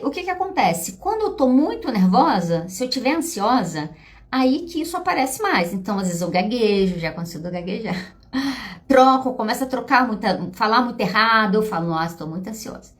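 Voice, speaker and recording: A Brazilian woman, a psychologist hosting a podcast, talking casually and confidingly to her listeners. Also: fairly high pitch. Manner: chatty, confiding, addresses listeners as "gente". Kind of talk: casual personal talk to listeners.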